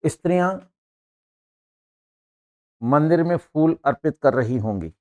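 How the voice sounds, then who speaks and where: A man's voice: on the high side, expressive, dark tone, muffled recording. A man teaching an English lesson to a class, explaining words and pronunciation step by step and often checking with "है ना?". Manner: explains slowly, often asks "है ना?".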